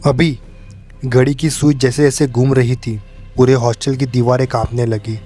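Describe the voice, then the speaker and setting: A man narrating a horror story in a steady, dramatic way. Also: mid-range voice, normal speed, soft background music.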